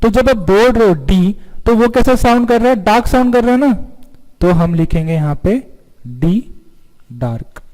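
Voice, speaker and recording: A man's voice: very high-pitched, lively intonation, normal speed, a little mellow. A man teaching stenography in an online lesson. He asks the class questions, answers them himself, and draws out single letters. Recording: long hall reverb.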